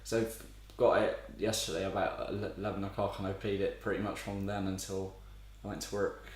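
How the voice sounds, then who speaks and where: A man's voice: deep voice, flat delivery, fairly quick. A man co-hosting a casual gaming chat, informal and sweary, recorded in a very echoey room. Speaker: podcast co-host. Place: indoor room with strong echo. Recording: very echoey room, big echo.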